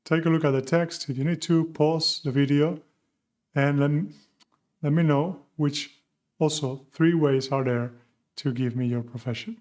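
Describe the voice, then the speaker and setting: A man's voice: fairly high pitch, steady tone, measured pace, a little mellow. A man teaching a beginner language lesson, patiently asking questions and answering them himself. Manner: patient, asks questions and answers them, mixes English and Spanish. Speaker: Spanish teacher.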